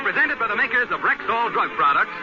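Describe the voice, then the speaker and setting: Man, old radio show announcer, 1940s style, high voice, muffled lo-fi broadcast sound. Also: big pitch swings. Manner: emphatic, measured announcing. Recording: dull lo-fi old radio recording with music.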